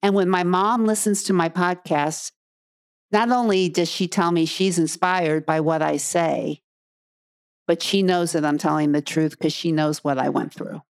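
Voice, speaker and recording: A woman's voice: lowish voice, steady tone, measured pace. A middle-aged woman hosting a podcast as a coach, talking earnestly and straight to the listener, repeating phrases for emphasis. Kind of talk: heartfelt podcast monologue.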